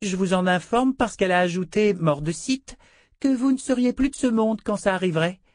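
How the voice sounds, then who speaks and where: A spoiled little princess with a raised, girlish voice, taunting and gloating with cruel delight, as a man puts her on. She sounds sharp and pitiless. The audiobook recording is dry and close. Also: sits high, fairly quick, no echo, voice pushed up, natural voice.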